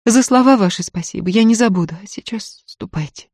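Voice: medium pitch, brisk, a little mellow, no echo, studio quality, pitched above the performer's own voice, close to an everyday voice. A reader voicing Varya, a proud, tearful young woman of peasant birth who talks in plain folksy speech, in an audiobook. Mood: teasing, weary. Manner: folksy, plain-spoken, pleading then scolding. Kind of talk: audiobook character voice.

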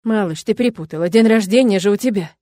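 Brief: a woman narrator voicing a devoted, eager husband, emphatic and warm, dry close recording. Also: medium pitch, quick pace, no echo, close to an everyday voice. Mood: puzzled. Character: loving, excited husband recovering from injury. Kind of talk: audiobook character reading.

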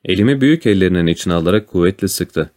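A man reading a classic adventure story aloud as a narrator, in a calm, even storytelling manner. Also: sits low, rapid-fire. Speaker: audiobook narrator. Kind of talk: storybook narration with voiced dialogue.

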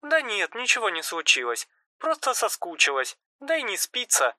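A man's voice: high voice, huge pitch swings, normal speed, dry recording, studio quality, voice pushed up, exaggerated voice. A man reading an audiobook, voicing a chatty, caring mother phoning her grown son. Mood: fond, fussing. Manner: soft, fussing and affectionate. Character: caring, chatty middle-aged mother on phone. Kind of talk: audiobook narration.

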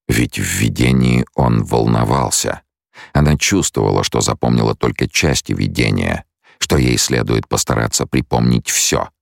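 A man narrating an audiobook in an extremely low, gravelly voice. He reads in an even, measured way, close to the mic. The recording is dry, without any room sound. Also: dry recording.

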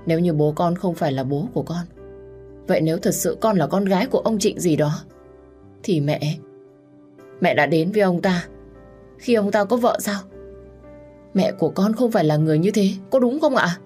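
A woman's voice: low voice, fairly even intonation, fast talker, hardly any pauses, dark tone, faint music behind, lightly acted. A woman reading as a hurt young daughter, asking tearful, pleading questions in a storybook reading.

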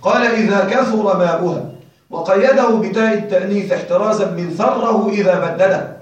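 A man teaching a classroom lesson, questioning his listeners often and slowing down to spell out word forms. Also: high voice, heavy reverb, far from the mic, lo-fi sound. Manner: checks on listeners with frequent questions; slow and deliberate when spelling out word forms. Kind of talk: classroom lecture on Arabic grammar.

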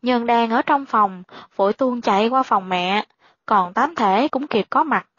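A woman narrating a spoken horror story in a steady, even-paced reading. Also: fairly high pitch, unhurried, no echo. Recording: dry, dull lo-fi sound.

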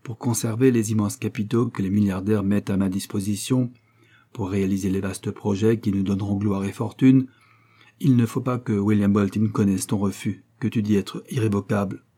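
A man's voice: lowish voice, fairly even intonation, normal speed, warm tone, close to an everyday voice. A man reading the part of a domineering old inventor who scolds his son in an audiobook. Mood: persuasive. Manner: commanding, heated. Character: domineering old male inventor, quick-tempered father.

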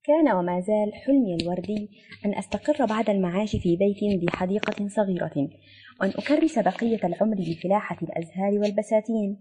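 A woman reading a literary story aloud as narrator, in a steady, measured storytelling manner. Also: mid-range voice, a little hiss or hum.

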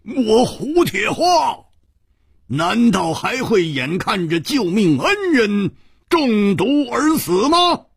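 A man's voice: a little high, wildly swooping pitch, unhurried, breathy edge, no echo, studio quality, pitched above the performer's own voice, heavily acted. A man voicing a bold young male swordsman who stammers and repeats words. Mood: proud. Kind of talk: storytelling narration.

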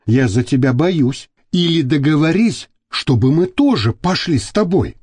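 A man reading a worried young friend in an audiobook, soft and pleading. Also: fairly high pitch, lively intonation, a little slow, slightly rough, no echo, clean studio sound.

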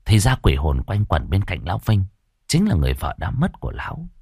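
A male audiobook narrator reads a fantasy tale in a low voice. His delivery is expressive, and his pitch rises and falls widely. The recording is dry and close. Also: fairly quick, slightly rough, dry recording. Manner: expressive storytelling reading. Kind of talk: scripted narration of a fantasy story.

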